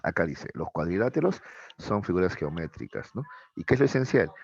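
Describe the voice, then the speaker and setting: A deep-voiced man teaches a class, tossing quick checks back at his students after nearly every phrase. His voice is husky, and the recording is dull and lo-fi. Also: sing-song, a little mellow. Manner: questioning, repeats "¿ya?" often; acts out imagined student dialogues. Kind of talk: classroom lecture.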